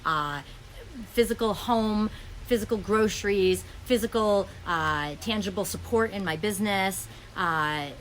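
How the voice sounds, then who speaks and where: A woman hosting a podcast, speaking fast in a flowing spiritual monologue with many ums and restarts, recorded in a friend's home. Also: mid-range voice, a little hiss or hum, poor audio. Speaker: podcast host.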